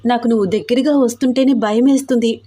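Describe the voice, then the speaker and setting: A woman's voice: fairly high pitch, fairly even intonation, a little fast, warm tone, natural voice. A woman voicing a flustered young bride in a read-aloud love story, exclaiming and scolding in a raised voice. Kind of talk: storybook character voice.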